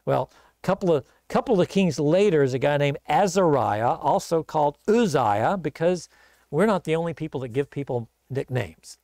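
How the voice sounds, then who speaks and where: A man leads a casual Bible study in a church, telling the story in a folksy way. His slightly high, gravelly voice swings widely in pitch as he plays out the voices in it. The sound is close and dry. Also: animated, moderate pace, darkish tone, no room sound. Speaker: Bible teacher.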